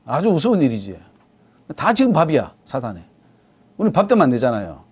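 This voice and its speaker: A male pastor delivering a sermon. His voice sits high and moves through a wide, lively range, shifting between loud emphatic lines and quiet asides. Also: a little fast, husky. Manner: animated preaching, swings from loud to hushed.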